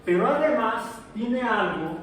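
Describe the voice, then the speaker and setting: A man's voice: extremely high pitch, lively intonation, unhurried, fairly bright tone. A male science teacher giving a classroom physics lecture, explaining step by step with restarts and checks. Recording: echoey classroom from far off, noisy.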